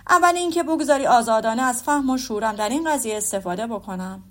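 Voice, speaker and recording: A calm, dryly ironic older father, played by a woman reader speaks in measured phrases. He sounds unbothered and amused, and there is a quiet firmness in his voice. It is a storybook character voice. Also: a little high, close to an everyday voice. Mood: wry. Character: Mr Bennet, wry dry older father. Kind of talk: audiobook character voice.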